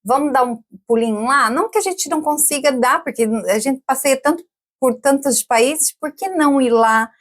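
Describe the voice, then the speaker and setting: This high-pitched woman in her forties talks at a moderate pace as a podcast guest. The interview is casual and chatty, full of her laughter and tag questions tacked onto her sentences.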